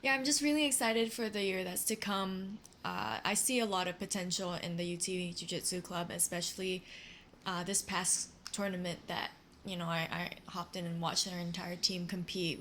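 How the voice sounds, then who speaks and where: A young woman from Singapore, talking in a relaxed, upbeat way as an interview guest. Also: on the low side, moderate pace, a little hiss or hum. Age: young adult. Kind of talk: casual interview.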